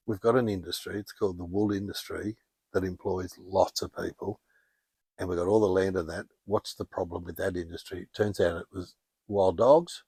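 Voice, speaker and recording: An older Australian man telling stories in a relaxed, wry way as a podcast guest. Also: sits low, slightly rough, dry recording. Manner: chatty, anecdotal, wry. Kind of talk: casual interview storytelling.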